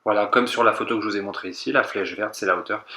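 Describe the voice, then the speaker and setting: A man calmly walking viewers through a technical car procedure step by step, repeating instructions and hedging his own interpretation. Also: on the low side, rapid-fire. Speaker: car tech tutorial maker. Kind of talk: step-by-step voice-over tutorial.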